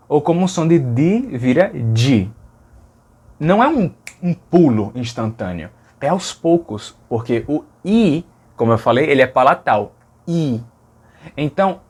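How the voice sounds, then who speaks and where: A man's voice: a little high, darkish tone. A man from Brazil with a Brazilian Portuguese accent, giving a casual educational explanation of speech sounds and patiently saying sounds over and over to demonstrate them. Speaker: linguistics educator.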